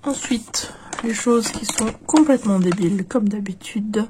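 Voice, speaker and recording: With background noise behind her, a young woman who has a cold offers casual, hesitant commentary while unboxing a doll, full of fillers and restarts. She sounds nasal and stuffy, with a medium-pitched voice at an unhurried pace.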